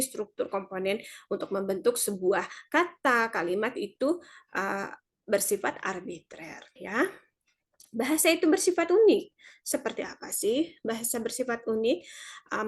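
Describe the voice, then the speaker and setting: Dosen perempuan menjelaskan sambil ragu-ragu. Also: female voice, medium pitch. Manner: explanatory, many filler hesitations. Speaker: university lecturer. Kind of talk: online lecture.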